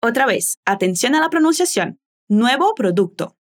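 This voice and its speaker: A woman hosts a language lesson and drills phrases for listeners to repeat. She models each phrase slowly and carefully. Her voice is high, and her intonation is lively and animated. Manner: slow, careful modeling of pronunciation. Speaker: language teacher and host.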